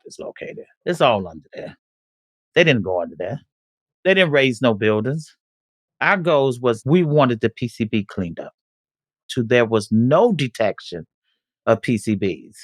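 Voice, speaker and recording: A man with a somewhat high voice is interviewed and recounts what his community went through, plainspoken and earnest. The sound is dry, with no room echo. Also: fairly bright tone. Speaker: community organizer.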